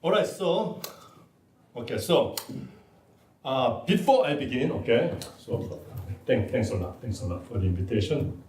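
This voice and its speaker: A man's voice: mid-range voice, expressive, unhurried, a little mellow. Man lecturing from far off in an echoey seminar room. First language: Korean. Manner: informal, chatty, repeats words while writing on the board. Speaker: seminar speaker. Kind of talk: academic seminar talk. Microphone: distant room mic.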